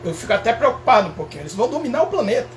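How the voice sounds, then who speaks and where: A Brazilian man with a Brazilian Portuguese accent, a professor giving a casual motivational talk in an animated, emphatic way, repeating phrases and checking in with his listeners. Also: extremely high pitch, rapid-fire, a little hiss or hum. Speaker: professor and speaker.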